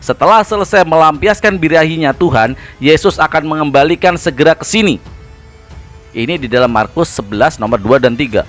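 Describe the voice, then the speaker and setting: Brief: male host, combative polemical reaction commentary, a touch high-pitched, soft music underneath. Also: lively intonation, fairly quick. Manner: mocking, combative. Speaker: channel host.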